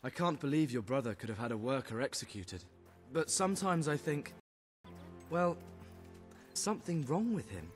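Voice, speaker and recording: Earnest young gentleman played by an actor. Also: mid-range voice, lively intonation, normal speed, faint music behind, natural voice. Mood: troubled. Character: earnest, worried young gentleman devoted to a princess. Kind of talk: video game character acting.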